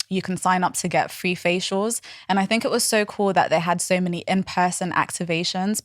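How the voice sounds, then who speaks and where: A woman with a lowish voice talks through an easygoing podcast interview, peppering her points with "like" and "um". Her voice sits close and dry on the mic, with no room sound around it. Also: dry recording. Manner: chatty, frequent "like" and "um" fillers. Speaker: guest, influencer marketing agency founder.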